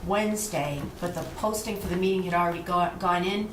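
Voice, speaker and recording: A woman's voice: on the low side, a little fast. A woman on staff at a housing authority board meeting, explaining procedures step by step with restarts, captured on old camcorder audio. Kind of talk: casual meeting talk. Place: meeting room. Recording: echoey room, distant camcorder mic, hissy.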